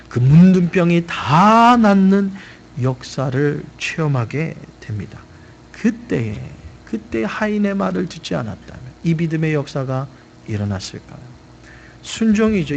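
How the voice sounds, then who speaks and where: Animated pastor with a high voice. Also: male voice. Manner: animated storytelling, often addresses the congregation. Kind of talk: sermon. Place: church sanctuary.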